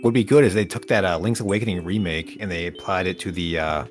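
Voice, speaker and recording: A man's voice: sits low, fast, faint music behind. A man co-hosting a casual chat, sarcastic and swearing often, laughing a lot. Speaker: podcast co-host.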